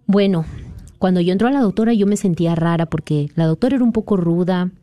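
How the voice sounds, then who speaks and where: A woman from Peru, a guest sharing a testimony in a conversation, earnestly retells a dream. She talks fast in a lowish, mellow voice, and the recording is dry.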